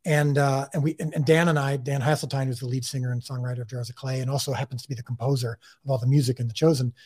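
A man's voice: medium pitch, fairly even intonation, fast talker, darkish tone, slightly rough. A man speaking as an interview guest about the series he created, earnest and talkative, often restarting and repeating words. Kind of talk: casual interview talk.

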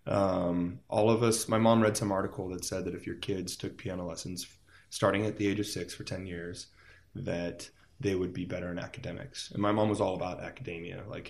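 Low-voiced man telling rambling stories. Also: darkish tone. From Las Vegas, United States. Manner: rambling, filler-heavy storytelling with many "like"s. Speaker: interview guest, musician. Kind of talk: casual conversational interview.

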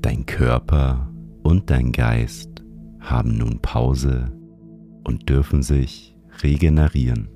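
A man narrating a sleep meditation like a bedtime story narrator, guiding the listener gently and soothingly. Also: extremely low pitch, fairly even intonation, slow pace. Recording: music behind the voice. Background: music.

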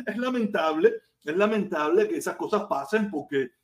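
A Cuban man with a noticeably high-pitched voice talks on a casual live stream, hammering his points over and over. He is blunt and mocking. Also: expressive, normal speed. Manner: blunt, repetitive, mocking rant.

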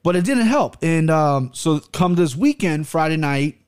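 A man's voice: fairly high pitch, animated, unhurried, darkish tone, clean tone. An American man hosting a casual solo podcast, rambling bluntly with some swearing while talking with his mouth barely open. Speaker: podcast host.

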